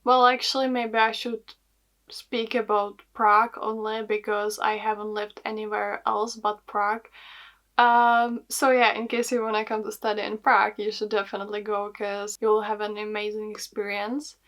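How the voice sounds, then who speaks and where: A woman's voice: medium pitch, little pitch movement, normal speed, a bit bright. A young woman in her twenties from the Czech Republic, speaking English with a Czech accent in a chatty vlog, with lots of fillers. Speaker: vlogger. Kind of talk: casual vlog talk.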